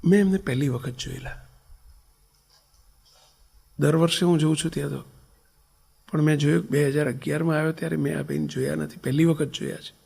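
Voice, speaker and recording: A man with a Gujarati accent gives a storytelling sermon as a swami. His voice sits a little high, with a gravelly, husky edge. He swings between loud, stressed lines and soft, near-whispered ones. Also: fairly even intonation, brisk, pauses often. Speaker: swami giving a religious discourse.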